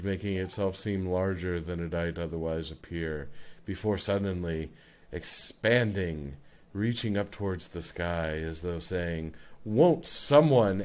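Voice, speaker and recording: A man putting on the voice of a male nature documentary narrator, slow, low and solemn. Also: darkish tone.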